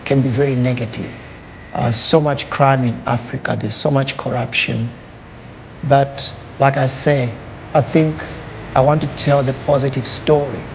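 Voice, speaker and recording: This gravelly, mid-range voice belongs to a Zambian artist, a native Lugala speaker, interviewed for a documentary. He talks in a measured, thoughtful manner with pauses and fillers. Loud music and other background noise fill the recording.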